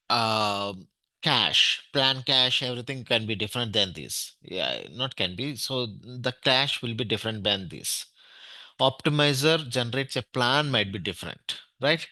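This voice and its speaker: Bright-voiced Indian man teaching a tech class. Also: medium pitch, no echo. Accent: Indian English. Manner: explains step by step, checks in with "right?", many fillers. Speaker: database administration trainer. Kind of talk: online technical class.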